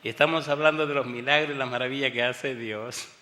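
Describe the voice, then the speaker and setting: A male pastor preaching a sermon, firing rhetorical questions at his congregation and swinging between booming emphasis and hushed storytelling. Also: steady tone, a little fast, slight background noise. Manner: rhetorical call-and-response questions. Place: church sanctuary during a televised service. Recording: long hall reverb.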